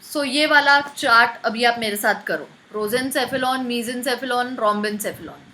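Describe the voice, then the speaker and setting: Indian woman teaching a slow class. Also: fairly high pitch, bright, forceful tone, a little hiss or hum, poor audio. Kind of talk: live online biology class.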